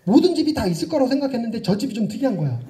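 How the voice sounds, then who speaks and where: Animated high-voiced male pastor preaching. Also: very fast, crowd noise. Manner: playful, teasing the congregation, mimics booming and sweet tones. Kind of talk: lively sermon with acted voices. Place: church sanctuary.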